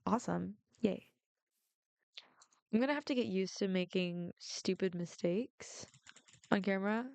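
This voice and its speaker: A woman's voice: mid-range voice, moderate pace, darkish tone, smooth, dry recording. A young adult woman, a film student, chatting casually and rambling with lots of "like" fillers while playing a game. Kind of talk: casual gameplay chat.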